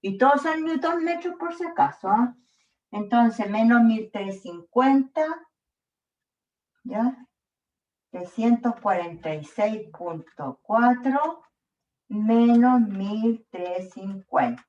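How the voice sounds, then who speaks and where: Woman, physics teacher, distant and muffled, unhurried classroom explaining. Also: a little high, expressive, a little mellow. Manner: slow, checks in with frequent "¿ya?". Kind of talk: explaining a worked problem. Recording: echoey room, distant dull mic.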